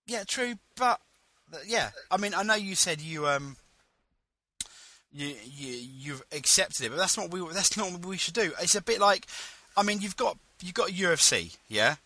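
Bright-voiced eager male podcast host. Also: high voice, animated, no room sound. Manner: eager, quick to laugh, stumbling starts. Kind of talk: casual chat.

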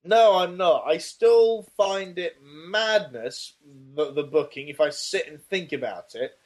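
A man in casual podcast chat, with a voice pitched a little above most men's. He rambles and jokes, often restarting his sentences. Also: animated. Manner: rambling, jokey, halting restarts. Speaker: podcast co-host.

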